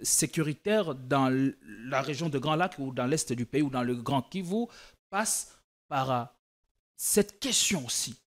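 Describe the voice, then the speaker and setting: A man's voice: mid-range voice, animated, measured pace. A man hosting a political talk show, asking questions with many hesitations and fillers.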